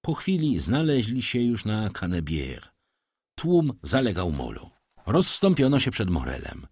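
Male audiobook narrator, low husky voice, lively intonation, dry close sound. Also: a little slow, no room sound. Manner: expressive, dramatic storytelling.

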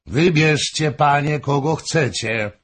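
A man reading aloud and voicing an impatient king, with slow, raised, commanding speech and a husky voice. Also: medium pitch, very animated, a bit bright, pitched above the performer's own voice, full character voice. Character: middle-aged king, imperious and impatient.

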